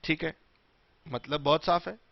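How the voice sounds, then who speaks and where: A man teaching tax law in a classroom lecture, mixing Hindi and English in a slow, emphatic way. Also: on the high side, creaky, dry recording, lo-fi sound.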